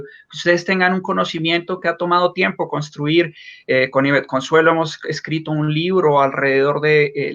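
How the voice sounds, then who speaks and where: A Colombian man with a fairly high, bright, forceful voice moderates a panel over a video call. His delivery is formal and courteous, and the audio comes through dull and lo-fi.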